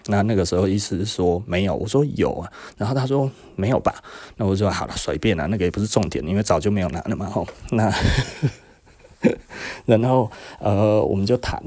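A middle-aged Taiwanese Mandarin man hosts his podcast in a relaxed storytelling way. His voice sits low and mellow, with a husky edge. He plays out old conversations, switching between himself and the other person. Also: moderate pace. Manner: chatty, acts out both sides of old conversations. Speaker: podcast host, shop owner. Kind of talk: casual storytelling.

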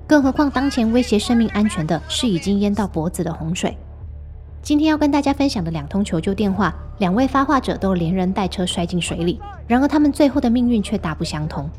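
A woman hosting and narrating a true story in a measured, scripted storytelling manner. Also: mid-range voice, lively intonation, darkish tone, faint music behind. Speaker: host and narrator.

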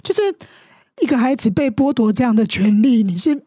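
On a podcast, a middle-aged teacher and mother with a Taiwanese Mandarin accent tells a painful story as a guest, full of passion and emotion and quick to act out scenes. Her voice is on the high side, mellow and slightly rough, captured in clean studio sound without room sound.

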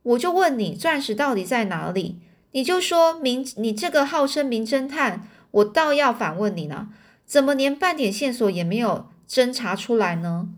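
A woman's voice: on the high side, lively intonation, moderate pace, natural voice. A woman voicing an indignant, easily offended elderly male duke in a storybook reading. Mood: outraged. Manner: indignant and shouting.

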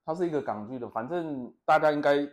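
A man's voice: on the high side, quick pace. A man, hosting a casual podcast chat and telling rambling stories that he laughs at himself. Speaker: podcast host.

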